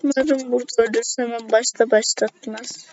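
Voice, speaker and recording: A woman doing casual let's-play commentary as a gaming YouTuber, excitable, talking straight to her viewers and breaking into gasps and shrieks. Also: a little high, moderate pace. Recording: slightly dull lo-fi with faint hiss.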